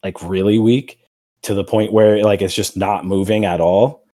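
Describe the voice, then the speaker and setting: A man's voice: on the low side, steady tone, moderate pace, warm tone. Casual male game master, loose filler-heavy narration.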